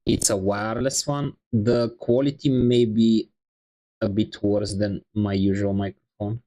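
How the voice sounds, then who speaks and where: A man's voice: fairly low pitch, steady tone, unhurried, warm tone, low-quality recording. Rambling, sheepish male streamer. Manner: rambling, self-deprecating, sheepish. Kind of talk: casual chat on a live stream. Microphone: wireless lapel microphone.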